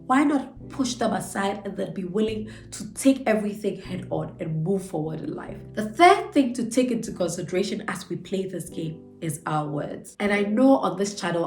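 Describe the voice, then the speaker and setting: The host of this channel, nasal and stuffy with a cold, offers an earnest, encouraging breakdown of a motivational book, lengthening words for emphasis. Her voice is mid-range and a little mellow. Faint music sits in an echoey room.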